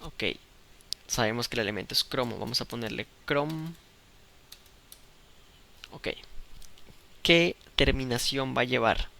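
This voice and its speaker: A man's voice: medium pitch, vocal fry, pushed and bright. A man teaching a chemistry lesson, explaining step by step in a patient way and checking often that the students follow. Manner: patient, checks understanding with "¿de acuerdo?".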